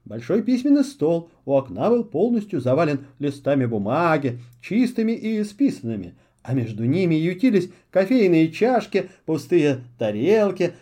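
A male narrator reads a children's fairy tale with a theatrical storyteller's flair. His voice sits high for a man, and his pitch leaps and dips constantly as he narrates. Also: warm tone. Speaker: audiobook narrator.

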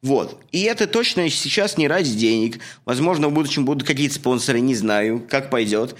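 A Russian man in his thirties co-hosts a casual podcast, chatting earnestly and using fillers. His voice sits at medium pitch and is expressive and fairly quick.

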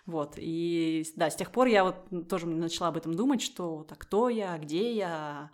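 A young Russian woman with a fairly low voice appears as a podcast guest in a casual conversation, speaking at a normal speed. She is relaxed and thoughtful, often pausing to search for words, using many fillers and breaking into light laughter.

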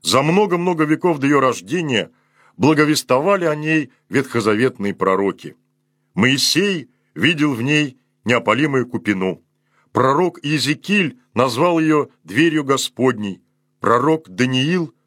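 A priest reads a sermon in a husky, slightly breathy man's voice of middling pitch. His delivery is slow and solemn, and each phrase settles downward at its end. The sound is close and dry, with no room around it. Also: fairly bright tone, no room sound.

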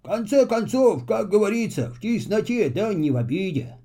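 A man's voice: sits high, very animated, normal speed, mellow, voice pushed up, exaggerated voice. A man voicing a good-natured, bearded little male forest wanderer in a children's story, speaking heartily. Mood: hearty. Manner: hearty and exclaiming.

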